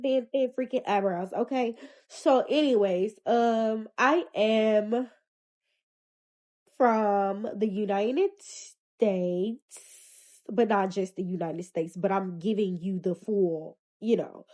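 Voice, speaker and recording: Chatty woman with a mellow voice. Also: on the high side, takes it slowly, low-quality recording. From Memphis, Tennessee, US. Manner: chatty, sassy, rambling with fillers. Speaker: vlogger. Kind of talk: casual confessional vlog. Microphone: phone camera.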